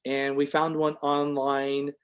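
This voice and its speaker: A man's voice: fairly high pitch, completely flat delivery, slow pace, clear, resonant tone. A middle-aged man telling a long, casual story as an interview guest, full of fillers, and livelier when he quotes other people.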